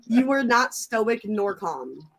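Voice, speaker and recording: A woman's voice: a little high, big pitch swings, slow pace, vocal fry. A woman guest in casual chat, blunt and teasing as she argues her point.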